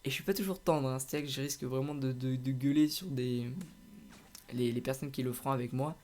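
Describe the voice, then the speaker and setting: A man's voice: medium pitch, steady tone, a little fast, darkish tone. A young man chatting casually over his gameplay, rambling with lots of hesitations and restarts. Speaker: gaming channel host.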